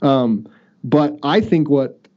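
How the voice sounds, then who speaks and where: A man's voice: mid-range voice, animated, slow pace. A man hosting a casual podcast chat, rambling and chatty with many restarts. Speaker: podcast host. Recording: dull lo-fi audio.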